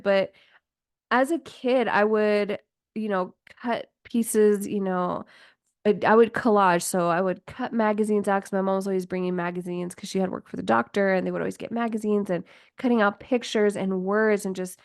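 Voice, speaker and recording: A woman's voice: medium pitch, clean tone, dry recording, clean studio sound. A woman chatting casually and enthusiastically on her own, rambling from one thought to the next as a host. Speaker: podcast host and tarot reader. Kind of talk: casual solo chat about personal rituals.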